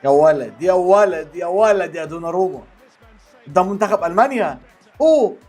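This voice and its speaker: Egyptian man, football reaction host, very high animated voice, quick talker, music underneath. Keep it excitable and repetitive. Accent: Egyptian Arabic. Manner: animated, exclaiming, repeats words.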